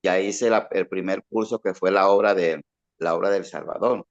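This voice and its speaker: A man's voice: deep voice, steady tone, normal speed, muffled recording. A man introducing himself as a Bible course student, often repeating words as he talks. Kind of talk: self-introduction on a video call.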